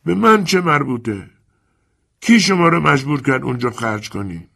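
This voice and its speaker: A male narrator voices a sickly old moneylender in an audiobook, a cold schemer who never raises his voice. The voice sits far higher than the reader's own and stays husky and gravelly. He speaks slowly and softly, with calm menace in every word. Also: heavily acted. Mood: calm, sly. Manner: soft, slow, calmly menacing. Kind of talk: audiobook character voice.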